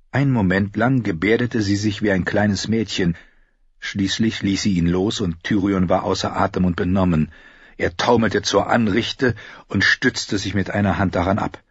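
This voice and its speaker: A man reading a fantasy novel aloud as an audiobook narrator, in an expressive narration style. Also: fairly low pitch, breathy edge, no room sound, dull audio.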